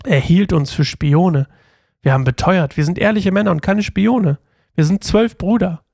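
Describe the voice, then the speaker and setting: A man voicing a group of frightened brothers pleading their honesty, read slowly and earnestly in a gravelly voice. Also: high voice, darkish tone, no room sound, studio quality, voice pushed up.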